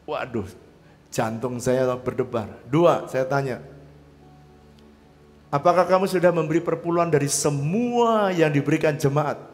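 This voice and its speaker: A man preaching a sermon as pastor, telling his story with swings between loud and soft delivery. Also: a little high, lively intonation, unhurried, long pauses, soft background music. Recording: long hall reverb.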